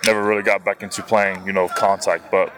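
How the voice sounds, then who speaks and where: Male athlete from New Zealand, low voice, laid-back interview guest. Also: brisk. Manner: relaxed, many fillers. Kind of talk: casual interview.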